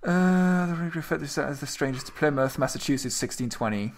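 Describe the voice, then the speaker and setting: A man's voice: a little high, fairly quick. Man reading and chatting. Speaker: podcast co-host, sonnet reader. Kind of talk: casual chat and poetry reading.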